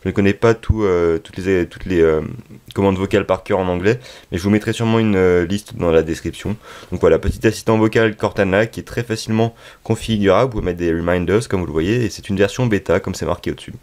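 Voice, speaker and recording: A man with a very low voice presents a tech tutorial. He speaks unscripted and haltingly, pausing often to find his next words. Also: darkish tone. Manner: hesitant, halting delivery with frequent pauses. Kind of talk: unscripted app tutorial narration.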